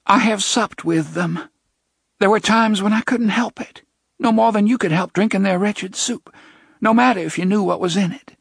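A man's voice: high-pitched, moderate pace, gravelly, husky, no echo, clean studio sound, voice pushed up, full character voice. A man doing a defiant young woman. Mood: pleading. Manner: archaic old-fashioned phrasing.

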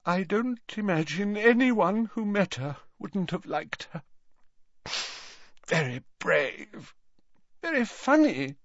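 A man voicing a pompous, tipsy, weepy old male potions master in a storybook reading, with a high, warbling, fluttery voice that drops to a hush when he is upset. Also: very animated, slow pace, dry recording, highs cut off, heavily acted. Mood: tearful. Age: older.

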